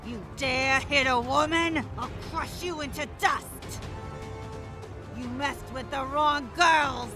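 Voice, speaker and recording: A woman's voice: high-pitched, slow, over music. A woman voicing a stern, menacing monster matron nurse, a commanding video game villain. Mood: furious, threatening.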